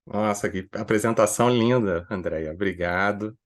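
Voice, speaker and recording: A Brazilian man hosting an academic seminar Q&A, speaking in halting, hesitant phrases. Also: fairly low pitch. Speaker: seminar moderator.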